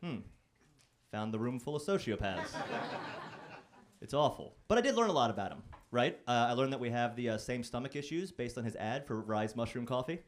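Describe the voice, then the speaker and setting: A man's voice: medium pitch, animated, brisk, slight background noise. A man performing a stand-up set on a comedy club stage, telling stories in a conversational, self-deprecating, wry way into a handheld mic.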